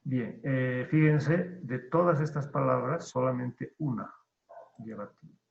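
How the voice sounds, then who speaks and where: A male teacher walks his online class through each point at an unhurried pace. His phrases drop away quietly at the ends, and the call audio sounds dull and muffled. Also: mid-range voice, creaky. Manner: patient, explains step by step, trails off at phrase ends.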